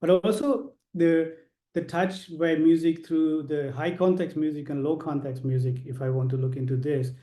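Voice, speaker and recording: A man's voice: fairly high pitch, steady tone, normal speed, warm tone, reverberant. A man from Sri Lanka, a course participant, sharing his thoughts on a video call in a rambling way, with many fillers.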